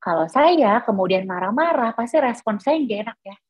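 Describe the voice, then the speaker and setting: A teacher trainer gives an explanatory workshop lecture to teachers, filling the gaps between her points with words like "nah" and "gitu ya." Her voice is fairly high, husky, animated, and fairly quick, and the lo-fi recording has no room sound.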